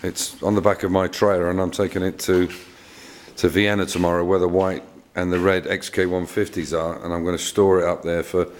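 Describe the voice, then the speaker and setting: Low and level in tone, this middle-aged man from England talks fairly quickly about his car work, repeating words and using many fillers. He's a car restorer with an English accent recording a casual vlog in his garage workshop, which sounds echoey with faint noise.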